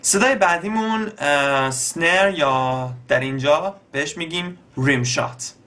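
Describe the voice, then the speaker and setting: A man's voice: a little high, bright, forceful tone. Young Iranian man teaching beatbox, hesitant. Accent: Iranian Persian. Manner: explains step by step with many pauses and fillers. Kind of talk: casual spoken tutorial.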